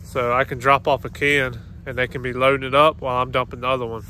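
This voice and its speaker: Bright-voiced man vlogging outdoors. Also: mid-range voice, fast. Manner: relaxed, folksy, says y'all. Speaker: vlogger running dumpster rentals and a tree service. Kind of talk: casual vlog narration. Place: outdoors at a job site and open land. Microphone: phone camera held at arm's length. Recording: outdoor phone audio with faint background noise.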